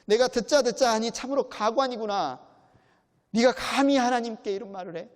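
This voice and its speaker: A stern, high-pitched scolding voice of an indignant old friend, loud and incredulous, as a preaching man acts him out. The words ring on in a long hall reverb. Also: a little slow. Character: indignant ancient male friend scolding harshly. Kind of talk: sermon.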